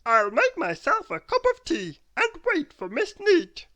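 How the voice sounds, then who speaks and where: A woman's voice: sits high, wildly swooping pitch, measured pace, no echo, voice pushed up, exaggerated voice. A woman voicing a cheerful, muddled male storybook character who likes to exclaim. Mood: unbothered. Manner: exclaiming, calling out loudly.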